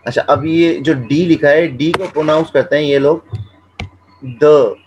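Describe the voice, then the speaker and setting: A man teaching Chinese pronunciation, repeating each sound several times and explaining in a relaxed, conversational way. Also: a little high, lo-fi sound, slight background noise. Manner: drills each sound slowly, repeating syllables. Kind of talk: classroom-style language lesson.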